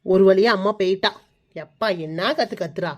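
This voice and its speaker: A woman's voice: medium pitch, normal speed, highs cut off, lightly acted. A woman voicing a stubborn village daughter in her late twenties in a cartoon, whiny and pleading. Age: 20s. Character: stubborn 29-year-old village daughter avoiding marriage. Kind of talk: cartoon voice-over.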